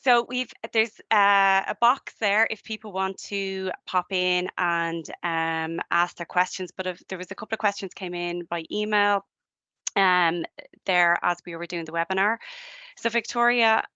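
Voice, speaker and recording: A woman's voice: medium pitch, fairly even intonation, unhurried, pushed and bright, smooth, dry recording. A woman moderating a webinar Q and A over a video call, friendly and thanking with frequent ums. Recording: dull lo-fi webinar audio.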